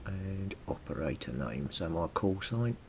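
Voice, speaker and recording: He's a British man with vocal fry, speaking a little slowly as he works through a casual how-to for his hobby videos. He thinks aloud and mutters informally to himself over a steady, low-rumbling background noise.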